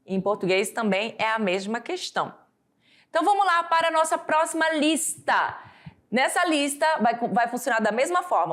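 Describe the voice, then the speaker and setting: A Brazilian woman teaching English vocabulary, slowly drilling words for students to repeat after her. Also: on the high side. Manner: slow, drawn-out word drills for students to repeat. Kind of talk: recorded classroom lesson.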